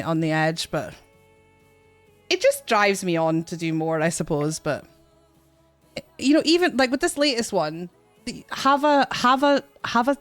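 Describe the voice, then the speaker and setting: A woman's voice: medium pitch, no room sound. A young woman talks in a chatty, rambling way, often restarting her sentences. Her voice sits mid-range and sounds dry and close, with faint music underneath. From outside the United States. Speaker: streamer guest. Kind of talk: casual streamer chat.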